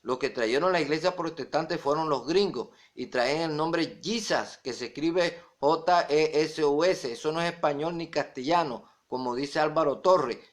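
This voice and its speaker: A male pastor preaches in a repetitive, emphatic way. His voice sits a little high for a man, and he spells out words letter by letter to drive his point home. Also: moderate pace, few pauses. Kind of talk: preaching monologue.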